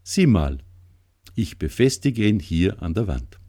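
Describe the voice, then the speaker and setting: A kindly middle-aged farmer speaks in a low, warm, fatherly voice, as a man reads him in a storybook. He takes his time and sounds gentle and mellow. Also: big pitch swings, measured pace, slightly rough, heavily acted. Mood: teasing.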